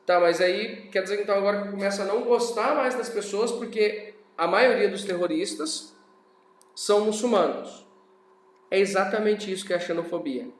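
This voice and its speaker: A man's voice: sits high, moderate pace, echoey room. A man teaching a recorded class lecture in a conversational way, often checking in with tag questions.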